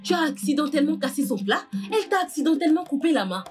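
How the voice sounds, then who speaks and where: A woman's voice: high-pitched, sing-song, quick pace, darkish tone, faint music behind. A woman playing a spiteful woman who sneers at and taunts an injured girl in a home-made drama. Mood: sneering. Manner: sneering, dismissive.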